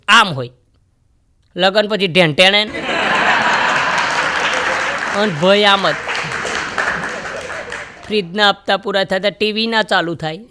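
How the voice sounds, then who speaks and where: A man telling stand-up jokes on stage and acting out each character's lines. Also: sits high. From Gujarat, India. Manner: animated storyteller who acts out each character's lines. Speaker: stand-up comedian. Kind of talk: Gujarati stand-up joke telling. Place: stage in front of a live audience.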